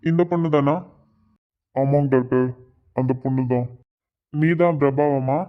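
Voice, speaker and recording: A man's voice: mid-range voice, steady tone, a little slow, soft background music, close to an everyday voice. A man voicing a kind middle-aged uncle in a cartoon, reassuring and soothing. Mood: worried. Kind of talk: Tamil cartoon voice acting. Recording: dull lo-fi audio.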